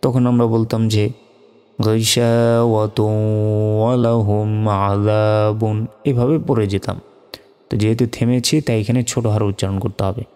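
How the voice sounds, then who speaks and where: A man teaching Quran reading, spelling out Arabic letters and vowel marks one at a time and breaking into melodic recitation, in a slow, patient, methodical way. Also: medium pitch, fairly even intonation, dark tone, long reverb tail, faint music behind. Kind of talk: spelling out Arabic letter by letter, then chanting the verses.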